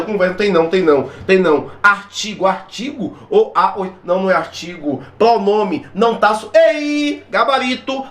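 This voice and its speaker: Brazilian male teacher, high bright voice, theatrical exam-prep delivery, echoey room. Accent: Brazilian Portuguese. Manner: theatrical, shouting exclamations, chatty asides. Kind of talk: animated exam-prep grammar lesson.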